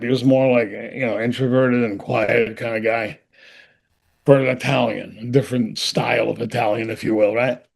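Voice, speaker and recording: A man, an actor appearing as a podcast guest, telling stories in a lively way and acting out both sides of a conversation. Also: mid-range voice, vocal fry. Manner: animated storyteller who acts out both sides of a conversation. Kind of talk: casual interview storytelling.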